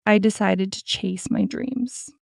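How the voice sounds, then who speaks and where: Woman as a young storybook dreamer, slow and clear, slightly gravelly, dry close sound. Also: mid-range voice, steady tone, no echo. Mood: calm. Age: 20s. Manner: slow, clear, each sentence said twice. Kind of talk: scripted story for repeat-after practice.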